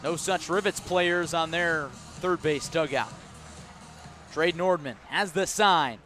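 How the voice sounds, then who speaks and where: Soft music plays behind an American man doing live radio play-by-play for baseball. His voice is a little high, pushed and bright, and he speaks slowly, narrating with drama in clipped, short lines.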